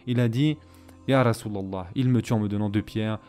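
A man speaks in a relaxed, dark-toned voice, close to the mic. He lectures steadily and explains each point, slipping Arabic phrases into his sentences. Soft music plays quietly behind him. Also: fairly low pitch, fairly quick. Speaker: Islamic history teacher. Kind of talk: French voice-over lecture on Islamic history.

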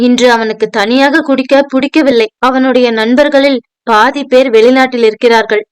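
Clear-voiced woman reading a novel aloud. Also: sits high, steady tone, normal speed, no echo. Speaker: narrator. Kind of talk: scripted narration of an audio novel.

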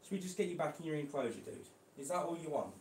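A man's voice: on the high side, animated, fast talker, a little mellow. Man, chatty vlog, coaxing tone, roomy indoor echo, faint background noise. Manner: coaxing, chatty, talks to the snake. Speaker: reptile keeper vlogger. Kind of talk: casual vlog. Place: indoor room.

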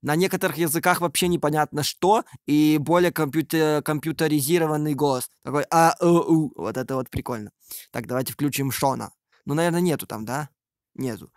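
A man's voice: on the high side, fairly quick, no echo, studio quality. A man giving casual, improvised screen-recording commentary, hesitantly thinking aloud. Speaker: video creator.

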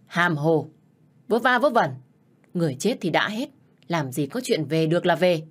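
A woman's voice: lowish voice, lively intonation, normal speed. A woman voicing a stern older stepmother who scolds sharply. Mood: scolding.

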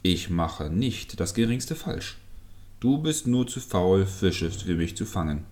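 A man's voice: low voice, sing-song, slow pace, a little mellow, heavily acted. A man playing a grumpy, short-tempered fisherman who scolds and threatens his fishing hook in a storybook reading. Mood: angry. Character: grumpy, hot-tempered adult male fisherman.

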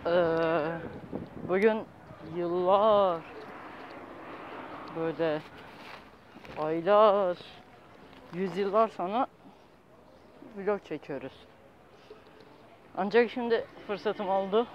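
A young adult man vlogging casually as he walks, talking in halting, rambling fragments and often correcting himself. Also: high voice. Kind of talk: casual walking vlog. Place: outdoors, walking on city streets. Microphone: handheld phone at arm's length. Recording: dull handheld phone, outdoor street noise.

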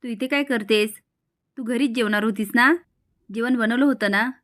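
A woman's voice: fairly high pitch, moderate pace, fairly bright tone, natural voice. A woman voicing a frightened, scheming middle-aged aunt who mutters fretfully in a storybook recap. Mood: flustered.

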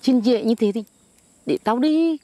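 A woman playing a stubborn, grumpy old village man in a comedy sketch, with a gruff, sheepish way of grumbling. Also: on the high side, measured pace, mellow, natural voice. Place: outdoors in a field.

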